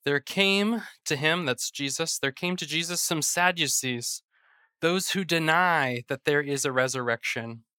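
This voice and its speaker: A pastor preaching a sermon at a pulpit microphone in a church, reading scripture and praying in a measured, earnest way. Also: mid-range voice, bright, forceful tone, clean tone, no echo, studio quality. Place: church sanctuary.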